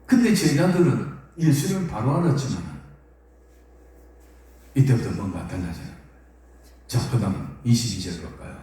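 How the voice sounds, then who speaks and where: A male pastor preaching a sermon in an emphatic, animated way, repeating key phrases. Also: mid-range voice, moderate pace, pauses often. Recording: echoey hall from far off.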